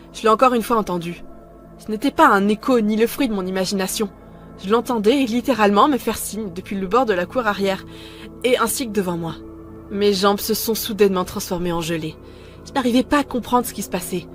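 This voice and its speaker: A woman narrating a first-person horror story in a calm, measured way, scripted. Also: medium pitch.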